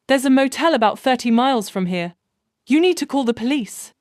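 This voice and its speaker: A woman's voice: high voice, animated, a little fast, dry recording, studio quality, voice pushed up. A woman reading the lines of a caring elderly woman in a story narration. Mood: gentle. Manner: gentle, soothing.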